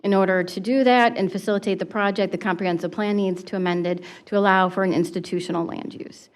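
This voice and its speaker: A woman's voice: mid-range voice, steady tone, fast talker. City planning director lady explaining a land use change, stops and restarts a bit. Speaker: community development director. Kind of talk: presenting a staff report. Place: council chamber.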